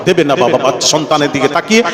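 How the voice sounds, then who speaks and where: A male preacher giving a lively Bengali sermon, acting out the stories he tells and calling his listeners "baba". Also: a little high, very fast. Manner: animated storytelling, acting out quotes; addresses listeners fondly as "baba". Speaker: Islamic preacher. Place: large open-air religious gathering. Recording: echoey PA sound with crowd. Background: large crowd.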